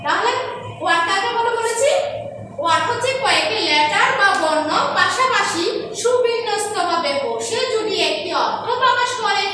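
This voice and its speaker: A woman teaching an online English class to young pupils in Bengali, repeating each definition slowly so they can write it down. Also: very high-pitched, expressive, sharp tone. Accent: Bangladeshi Bengali. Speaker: primary school English teacher. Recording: echoey room, mic at a distance, faint background noise.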